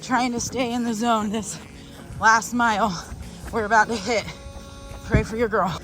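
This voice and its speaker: A woman's voice: on the high side, steady tone, measured pace, a bit bright, faint music behind. A woman chatting casually to her viewers outdoors while running. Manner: talking while running, with effort. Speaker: vlogger. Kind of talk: casual vlog chat to viewers.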